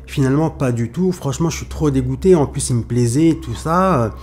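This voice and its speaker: A man's voice: medium pitch, fairly quick, a little mellow, lightly acted. Man doing a young woman, plain-spoken, in a storytelling channel; near his own voice. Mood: hurt. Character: young woman, hopeful then heartbroken bride-to-be.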